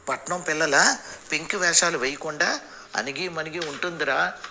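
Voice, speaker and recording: A man voicing an elderly grandmother who scolds and laments loudly in a storybook. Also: fairly high pitch, moderate pace, noisy background, close to an everyday voice. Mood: scolding. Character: elderly grandmother, fussy and wailing.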